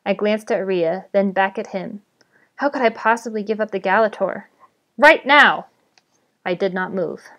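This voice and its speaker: A woman reading a fantasy novel aloud for a live audience stream, with steady, dramatic storytelling. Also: mid-range voice, normal speed, muffled recording. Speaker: book reader on a livestream.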